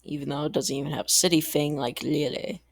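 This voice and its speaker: A man's voice: fairly high pitch, steady tone, quick pace, vocal fry, no echo. A man giving casual, rambling commentary over a strategy game, chatty and full of asides, little laughs and mild exasperated swearing. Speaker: gaming channel host.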